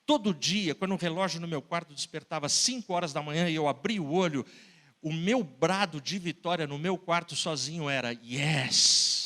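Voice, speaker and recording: A man's voice: a little high, pushed and bright. A man preaching a sermon and voicing a teenage boy's heartfelt farewell letter to his family. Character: loving teenage boy writing a farewell letter. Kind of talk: sermon storytelling.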